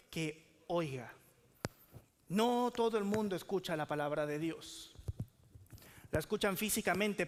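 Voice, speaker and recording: A man's voice: high-pitched, in a large hall. A man preaching a sermon as pastor, asking the congregation questions and calling for answers.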